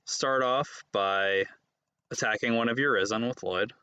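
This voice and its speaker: Bright-voiced man teasing over a card game. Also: mid-range voice, unhurried, clear, resonant tone. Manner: playful, teasing, bursts into excited laughter. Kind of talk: casual chat while playing a card game.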